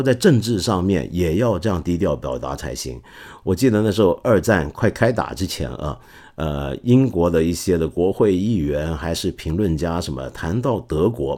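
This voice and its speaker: Animated low-voiced man telling stories. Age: middle-aged. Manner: animated, acts out quotes with laughs. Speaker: podcast host. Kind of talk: casual storytelling talk.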